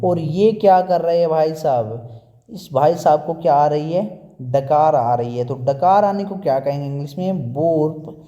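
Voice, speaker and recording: A male English teacher with a slightly high, mellow voice drills vocabulary. He asks his own questions, answers them, and spells each word out letter by letter. The sound is muffled and lo-fi, with a long, ringing room reverb. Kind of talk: vocabulary lesson. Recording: dull lo-fi audio in a reverberant room.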